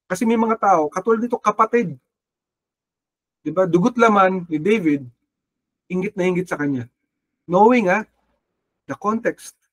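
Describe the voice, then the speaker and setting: A man's voice: sits high, no room sound. A man preaching a sermon with a Filipino accent, mixing Tagalog and English and calling listeners brother or sister. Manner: switches between Tagalog and English, calls listeners "kapatid" often; acts out quoted figures with a raised voice. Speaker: pastor.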